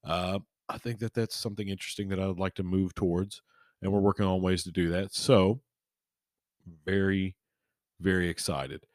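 A man hosting a podcast solo in casual, rambling, chummy talk, swinging between emphatic bursts and quiet trailing-off. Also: deep voice, fairly even intonation, normal speed, no room sound, clean studio sound. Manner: rambling, informal, chummy address to listeners. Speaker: podcast host.

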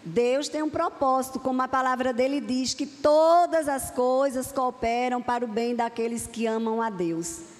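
A woman's voice: high-pitched, moderate pace. A woman preacher delivering a sermon to a congregation in an earnest, repeating cadence. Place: church hall. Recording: long hall reverb.

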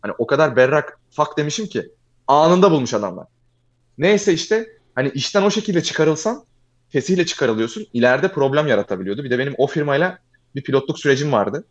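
A young man telling a long personal story in casual chat, fast and animated, often calling the listener "abi". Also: on the high side, dull audio.

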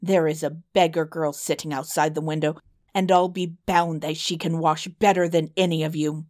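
A woman's voice: deep voice, flat delivery, a little slow, darkish tone, dry recording, clean studio sound. A woman reading the part of a young prince in a fairy tale, speaking firmly and earnestly. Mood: exasperated.

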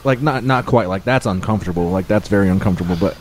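A man chatting casually, telling stories in an animated way, swearing and acting out quoted lines. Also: sits low, fast, a little hiss or hum. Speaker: pizza delivery driver. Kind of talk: casual chat.

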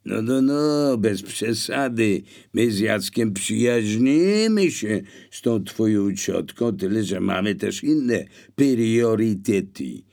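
A man voicing a rough, bullying male burglar who talks in a brash, mocking and threatening way. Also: lowish voice, lively intonation, slow, few pauses, darkish tone, voice pushed up, heavily acted.

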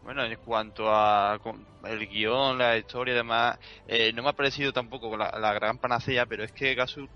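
A man's voice: medium pitch, lo-fi sound. A man giving his frank, blunt opinion on a game in casual chat, swearing freely. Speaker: podcast co-host.

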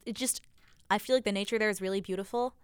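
A young American woman hosts a podcast, chatting casually and informally with lots of slang and "like." Her medium-pitched voice is smooth and fairly even in intonation, and she talks fast. The recording is dry with a clean studio sound.

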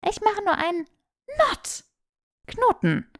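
A woman voicing a bookish young witch who talks in a flustered, rushed, defensive way. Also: very high voice, huge pitch swings, pitched above the performer's own voice, heavily acted. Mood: exasperated.

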